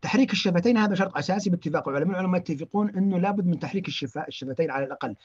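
A man giving a religious lesson, halting often and restarting his words. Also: high voice, a little mellow, breathy edge, highs cut off. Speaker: religious teacher.

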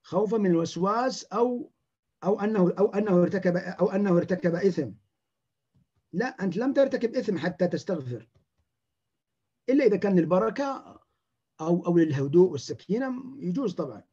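A man, a clinician giving a lecture, talking in an animated way and acting out the words of patients. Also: high-pitched, quick pace, pauses often, slightly rough, lo-fi sound.

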